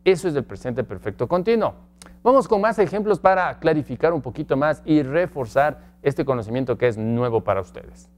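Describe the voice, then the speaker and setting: A man teaching English grammar from slides, slowly stretching out example phrases and asking the class questions. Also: a little high, animated, darkish tone. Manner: slow, drawn-out model phrases in English. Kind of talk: slide-based grammar lesson.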